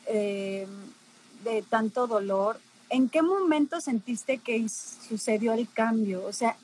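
A woman's voice: fairly high pitch, animated, slow, a little mellow, a little hiss or hum, low-quality recording. A woman podcast host, interviewing a guest with long, meandering questions full of restarts. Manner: probing, rambling questions with restarts. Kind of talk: conversational interview.

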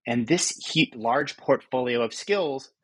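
A man's voice: medium pitch, measured pace, fairly bright tone, slightly rough, no echo, poor audio. A man in his forties from California, an author answering interview questions thoughtfully, often restarting his sentences. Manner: thoughtful, with frequent restarts and fillers. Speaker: author and guest.

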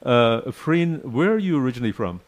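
Man, radio talk host, mid pitch, affable, affirming, laughs easily, casual chat. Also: expressive, fairly quick.

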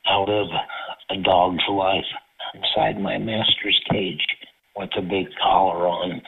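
A breathy, husky man in his fifties talks low and unhurried, his words crawling out one at a time. He is heard over a landline phone, the sound squeezed into a thin, tinny band as he leaves a voicemail message. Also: little pitch movement. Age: 50s. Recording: narrow tinny phone line.

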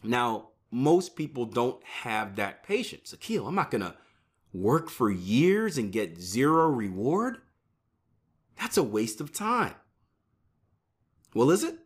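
A man's voice: medium pitch, sing-song, takes it slowly, long pauses. A man in his thirties talking casually to his viewers about trading, often checking in with "right?" as he explains. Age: 30s. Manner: conversational, repeats "right?" often. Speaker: trading educator.

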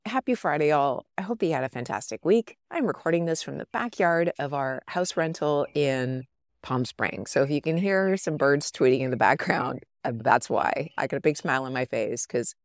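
A woman's voice: very deep voice, animated, moderate pace, dry recording, clean studio sound. A woman in her fifties or older hosting a podcast, talking in an upbeat, encouraging and informal way. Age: 50s or older. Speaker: podcast host and life coach. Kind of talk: podcast monologue.

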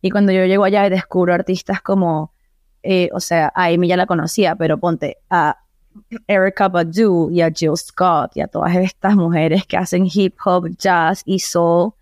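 A young Venezuelan woman from Caracas, a singer chatting as an interview guest, telling stories in a lively way and dropping English phrases into her Spanish. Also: lowish voice, normal speed, dry recording, clean studio sound. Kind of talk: casual interview chat.

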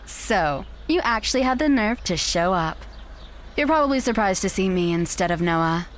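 An actress in an audio drama plays a cold, manipulative young woman who talks down to her rival, sounding condescending and dismissive. Her mid-range voice has lively intonation and a moderate pace, close to an everyday voice, with a little hiss or hum in the recording.

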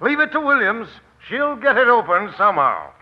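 An actor playing a brisk, confident newspaper man with slangy, snappy talk in an old radio drama. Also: high voice, sing-song. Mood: brisk, assured. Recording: dull lo-fi old radio recording.

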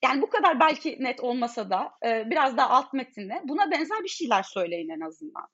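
A young woman, an economics lecturer, talking in a casual discussion in an exasperated, animated way with many fillers. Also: sits high, fast talker, breathy edge, dull audio.

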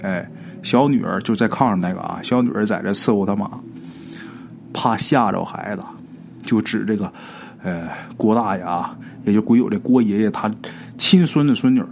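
A man's voice: fairly low pitch, normal speed, creaky, a little mellow, a little hiss or hum. A man voicing a grieving, emotional old village man in his sixties or older, in an audio horror story. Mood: urgent.

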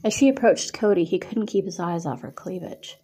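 A woman reading her own erotic story aloud in a steady storytelling manner. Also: fairly low pitch, fairly quick, slightly rough.

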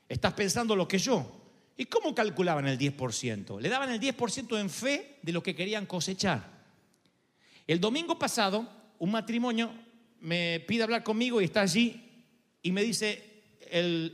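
A man, a pastor with an Argentine accent, preaching a sermon and acting out quoted dialogue, moving between low intimate asides and loud peaks. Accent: Argentine Spanish. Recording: long hall reverb.

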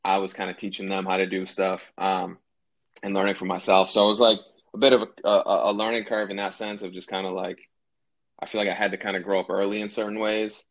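Low-pitched and level, with a fairly bright tone, this young man speaks at a brisk pace. He's a rapper from New Hampshire, USA, relaxing into a casual podcast interview as a guest and peppering his talk with "like" and "you know what I mean."

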